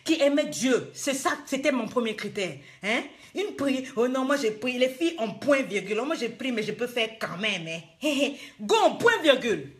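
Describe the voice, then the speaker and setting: A woman's voice: a little high, animated, normal speed, few pauses. A woman life coach, scolding her viewers in a live-streamed motivational talk, emphatic and full of rhetorical questions.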